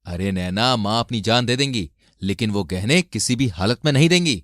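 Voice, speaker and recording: A man's voice: fairly low pitch, expressive, moderate pace, a bit bright, dry recording, studio quality, voice pushed down. Man voicing a placating young husband.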